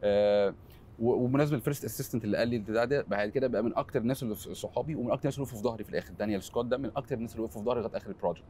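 Fast-talking Egyptian man in his forties. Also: mid-range voice, mellow, a little hiss or hum. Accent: Egyptian Arabic. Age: 40s. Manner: rapid, earnest, trails off with repeated fillers. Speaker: film editor, interview guest. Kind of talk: candid interview conversation.

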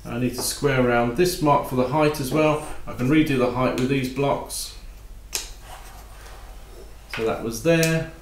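Calm man teaching woodworking, echoey room. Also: medium pitch, unhurried, long pauses, slight background noise. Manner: calm, practical, talks while working. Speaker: woodworking instructor. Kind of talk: step-by-step workshop tutorial. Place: home workshop at a workbench.

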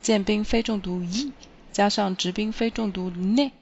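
Woman, language teacher, clear step-by-step explaining, mid pitch, dull lo-fi recording. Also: measured pace, a little mellow.

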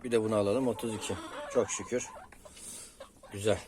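A man's voice: lowish voice, fairly even intonation, brisk, noisy background. A man collecting eggs in a chicken yard, counting aloud and talking fondly to his hens in a casual vlog. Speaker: chicken keeper. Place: outdoors in a chicken yard by the sea.

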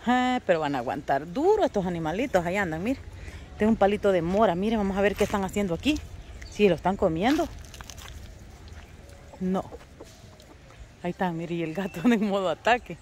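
A woman talking casually to her viewers while tending her animals outdoors, chatty and quick to scold her dogs. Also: mid-range voice, expressive, slight background noise. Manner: chatty, calls viewers "mamita", shouts and scolds pets. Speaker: vlogger. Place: outdoor yard with chickens, dogs and a cat.

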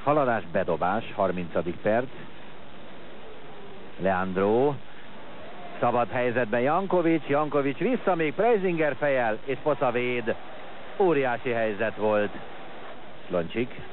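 A man giving excited live football commentary in short, clipped phrases. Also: mid-range voice, long pauses. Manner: excited at chances and goals, calling play in short clipped phrases. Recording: noisy lo-fi match broadcast.

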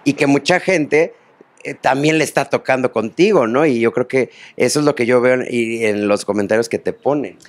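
A man's voice: mid-range voice, normal speed. A man with a Mexican accent hosting an interview, asking long, meandering questions full of fillers. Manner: rambling, hesitant questions with many fillers. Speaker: interview host. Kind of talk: casual interview.

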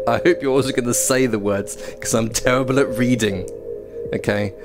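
Speaking at medium pitch and a moderate pace, a chatty young YouTuber tries out a VR game in a small indoor room. Over game music on his headset mic, he pokes fun at himself and reads the prompts aloud as first-impressions commentary.

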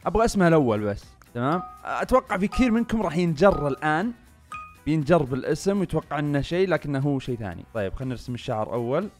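Fast, excitable young man streamer. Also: on the high side, soft background music. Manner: fast, excitable, bursts of loud laughter and shouting. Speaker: streamer and YouTuber. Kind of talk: excited live-stream gaming commentary.

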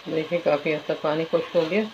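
Brisk and low-voiced, with little pitch movement, a home cook vlogging from her kitchen casually talks through a recipe while working at the stove. Dull phone audio captures heavy background frying, sizzling and stirring.

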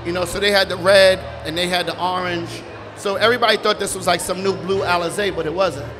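A man from New York, a guest at a live brunch event, telling his stories in a relaxed, animated way. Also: high voice, fast talker, crowd noise. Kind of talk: casual interview storytelling.

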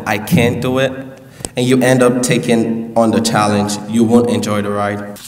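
The valedictorian, a young man, addresses a large school hall from the podium, slipping in lighthearted asides to the crowd. He has a fairly low, slightly mellow voice. The podium mic is distant, and the recording carries the hall's echo.

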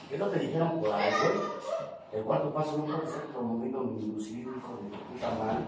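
A man with a Mexican accent giving a heated, profane, confrontational testimony at a recovery group meeting. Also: on the high side. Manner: profane, confrontational, preaching rant. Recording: very echoey room, far from mic, noisy.

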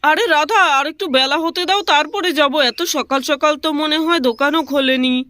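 A woman voicing an apologetic husband in a doll story, pleading and pitched low. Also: a little fast, bright, forceful tone, dry recording. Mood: resigned.

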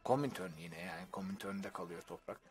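A man's voice: deep voice, brisk, soft background music. A young man streaming and observing a strategy game league, commenting to his chat and groaning in exasperation at the players.

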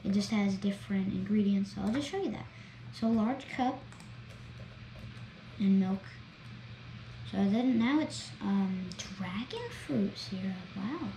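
A woman talking through a video game as she plays, chatty and excitable, narrating each step. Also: medium pitch, takes it slowly, long pauses. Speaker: gameplay vlogger. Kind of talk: gameplay commentary. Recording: roomy echo, faint background noise.

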